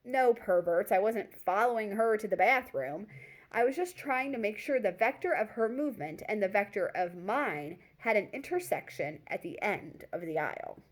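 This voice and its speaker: Reading a first-person story aloud, a woman speaks at medium pitch and a moderate pace. Her delivery is expressive and conversational, though she sometimes stumbles and rereads words.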